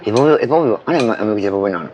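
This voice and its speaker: A man telling a story in a casual, halting way, full of fillers and curses. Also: on the low side, expressive, a little mellow. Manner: rambling and halting, many fillers and profanity. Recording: dull recording with faint background noise.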